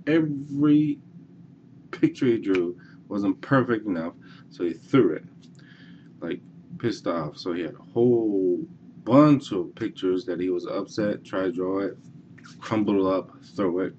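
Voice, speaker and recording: A man presenting an online course in a casual screencast voice-over, halting and repeating himself, often saying okay. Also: low-pitched, warm tone, dull audio, a little hiss or hum. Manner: halting, repeats and restarts, says okay a lot.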